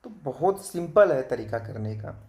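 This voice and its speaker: A man's voice: mid-range voice, expressive, dark tone. A man teaching children a math lesson, patient, repeating his points, asking if they follow, and reading digits out one by one. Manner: reads digits slowly one by one.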